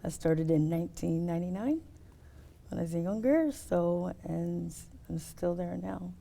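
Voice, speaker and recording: A middle-aged woman talking casually in an interview about her work as an optician, explaining step by step with many pauses. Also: lowish voice, gravelly, dark tone. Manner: explains step by step, hesitant fillers.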